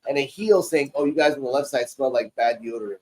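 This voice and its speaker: A man's voice: mid-range voice, fast, darkish tone, rough recording. A man in his forties casually recapping a wrestling show, loose and profane, rambling through the matches. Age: 40s. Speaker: podcast co-host. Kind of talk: casual wrestling review chat.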